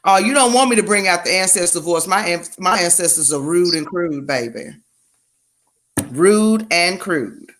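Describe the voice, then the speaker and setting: A woman's voice: lowish voice, fairly bright tone. Chatty Southern woman hosting a stream. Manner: chatty, drawling, quick to joke. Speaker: livestream host. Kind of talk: casual livestream chat.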